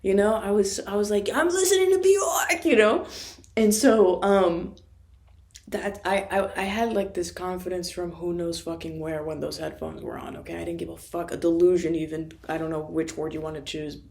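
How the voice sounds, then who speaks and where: A woman's voice: lowish voice, flat delivery, normal speed, creaky, darkish tone. A woman from Florida telling a rambling, profane, self-mocking story in a casual monologue and laughing often. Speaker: vlogger.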